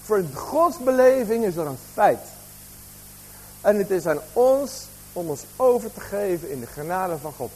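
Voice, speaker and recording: A man's voice: high-pitched, very animated, a little slow, mellow, breathy edge, rough recording. A man preaching a sermon, asking the congregation questions, with a slight cough.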